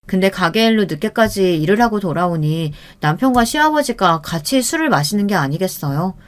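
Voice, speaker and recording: A woman's voice: medium pitch, expressive, fairly quick. Woman telling a real-life story. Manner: conversational first-person storytelling. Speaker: narrator.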